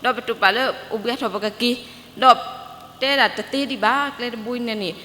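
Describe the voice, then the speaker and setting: A woman's voice: fairly high pitch, steady tone, normal speed, bright, forceful tone. A woman giving a church talk, speaking steadily and plainly. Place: church hall. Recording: reverberant church hall, faint noise.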